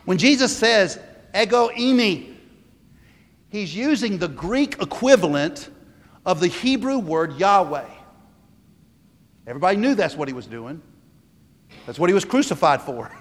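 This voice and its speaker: This pastor preaches with emphatic, expressive delivery, frequently pausing and restarting his phrases. His voice is slightly high for a man, and a long reverb trails each phrase, like in a large church hall.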